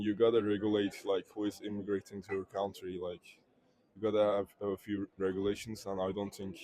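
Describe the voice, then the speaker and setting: A man's voice: on the low side, a little mellow. A man from Turkey answering a street interviewer hesitantly with fillers. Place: city street outdoors.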